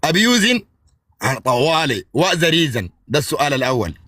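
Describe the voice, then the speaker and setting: A man's voice: fairly high pitch, big pitch swings, a little fast, bright, forceful tone, dry recording. A man with a Sudanese Arabic accent, ranting heatedly in a casual live stream, swearing and throwing out challenges. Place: abroad in the UK.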